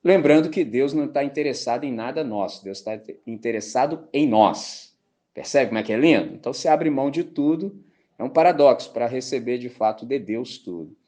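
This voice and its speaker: A man's voice: mid-range voice, fairly quick. A man preaching a sermon as a pastor, with a Brazilian Portuguese accent, talking colloquially, often asking "entendeu?" and mimicking voices as he tells stories. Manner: animated storytelling with mimicked voices.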